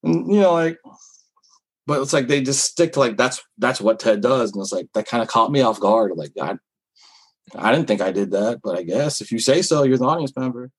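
A man with a slightly husky, breathy voice talks through his experiences in comedy. He rambles candidly, stacking up fillers and restarts as he thinks aloud. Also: mid-range voice, lively intonation, fairly quick, poor audio. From Philippines heritage. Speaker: comedian guest. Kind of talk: casual interview talk.

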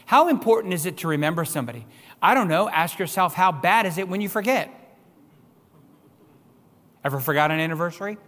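A man's voice: fairly high pitch, a bit bright. Preaching man in a reverberant hall. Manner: rising to emphatic, raised-voice questions. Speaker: pastor. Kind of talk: sermon. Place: church sanctuary.

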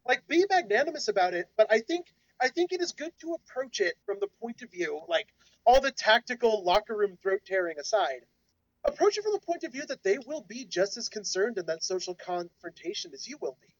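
On a relaxed discussion podcast, a co-host in their thirties talks briskly at medium pitch with big swings in intonation. Their manner is playful yet thoughtful, and they offer advice. The sound is dull, dry, and lo-fi, with no room tone.

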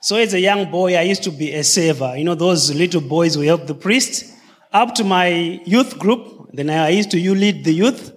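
A man's voice: sits high, long reverb tail. A man from Zimbabwe, around his thirties or forties, speaking earnestly to a church congregation, linking his points with "so" and "and then". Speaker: church member sharing testimony. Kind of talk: casual talk to a congregation. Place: church hall.

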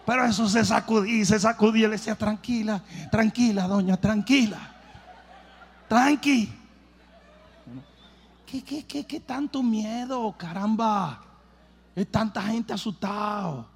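A man's voice: high voice, normal speed, gravelly, breathy edge, big-room sound. A male pastor preaching a sermon with comic storytelling and emphatic delivery.

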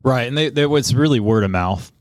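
A man's voice: mid-range voice, animated, brisk, a little mellow, no echo, studio quality. A man co-hosting a podcast, explaining things in a casual, conversational way. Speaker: podcast co-host. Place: podcast studio.

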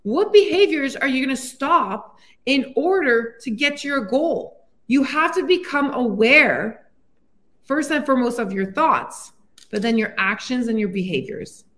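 A woman with a high voice gives a solo motivational podcast talk. She coaches in an upbeat, encouraging tone and addresses the listener directly. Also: lively intonation, a little slow, a bit bright. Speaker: weight loss coach and podcast host.

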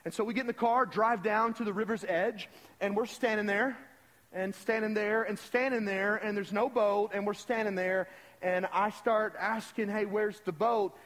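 A man's voice: sits high, steady tone, moderate pace, fairly bright tone. A male pastor preaching a sermon, telling a personal story and asking the congregation direct questions in a conversational way. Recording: long reverb of a large hall.

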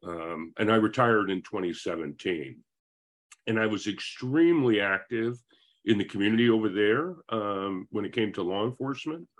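A man's voice: on the low side, animated, moderate pace. A man in his fifties from Northern California, a guest telling his life story in a friendly, rambling way over a video call. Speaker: interview guest.

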